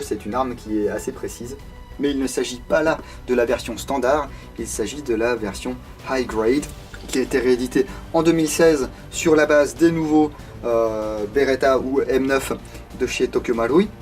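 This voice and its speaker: Speaking in a slightly mellow mid-range voice, a man reviews a collectible replica on his own video. The talk is loose and unscripted, peppered with hesitant fillers and jokes at his own expense.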